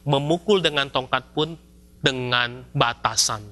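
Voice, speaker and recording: A male pastor, preaching a sermon in a lively, storytelling way with casual slang. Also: medium pitch, unhurried. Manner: lively storytelling, acts out scenes with shouts and mock voices; casual colloquial Jakarta-style slang mixed in.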